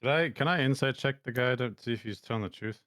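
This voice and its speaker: Man from Canada, player, relaxed table banter, dry recording. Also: medium pitch, fast talker, dry recording.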